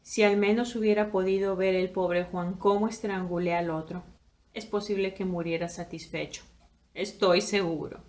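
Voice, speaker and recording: Woman doing a vengeful hunter guy, yells then gets low and teary. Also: fairly even intonation, moderate pace, close to an everyday voice. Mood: tearful. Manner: shouting in triumph, then tearful and low. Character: grieving, vengeful male hunter.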